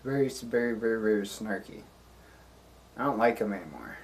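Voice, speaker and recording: A man playing a solo tabletop game on a live stream, deliberating out loud with many fillers and restarts. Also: lowish voice, lively intonation, brisk, a little hiss or hum.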